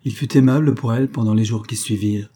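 A man narrating a classic novel as an audiobook in a measured, expressive reading. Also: fairly low pitch.

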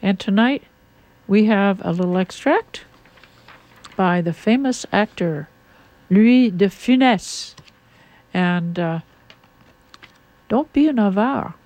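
A woman hosting a casual radio chat, talking in an unhurried, chatty way with frequent fillers. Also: mid-range voice, lively intonation, darkish tone, no room sound. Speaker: radio host. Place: radio studio.

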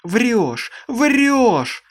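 A man reading an audiobook, voicing a frightened teenage girl who pleads and shrieks in a shrill, near-hysterical voice. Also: normal speed, lightly acted. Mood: shrieking.

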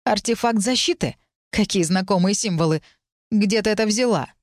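A woman's voice: mid-range voice, normal speed, no room sound, clean studio sound, close to an everyday voice. A woman reading the lines of an arrogant young male mage, curt and hissing through his teeth. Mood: angry.

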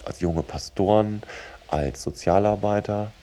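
A man's voice: on the low side, measured pace, warm tone. A man giving a thoughtful, reflective radio interview, searching for words as he talks.

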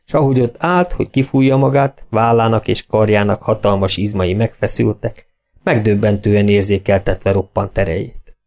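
A man reading an audiobook in a steady, measured narrating voice. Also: fairly low pitch. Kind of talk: scripted narration.

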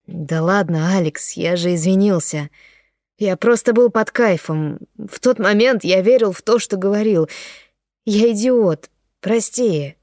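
A woman's voice: medium pitch, a little slow, no echo, natural voice. Woman voicing a sobbing young man, pleading, insistent, dry studio sound.

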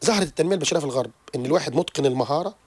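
Fast-talking gravelly man. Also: on the high side, dry recording. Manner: animated, rapid lecturing with frequent restarts. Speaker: therapist guest on a radio show. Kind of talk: radio interview explanation. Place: radio studio.

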